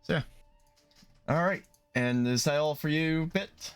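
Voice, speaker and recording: A man's voice: on the high side, a little slow, soft background music. Laid-back man running a tabletop game. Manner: relaxed, laughing, swears casually. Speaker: game master.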